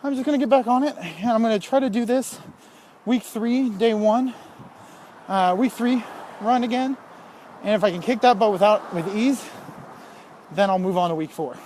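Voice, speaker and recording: A man with a high voice talks to his camera while out on a walk, rambling candidly and filling pauses with ums. He sounds a little out of breath. Faint noise sits behind him. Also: a little mellow. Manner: rambling, candid, with many fillers. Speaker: fitness vlogger. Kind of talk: casual talk while walking. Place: outdoors on a walk.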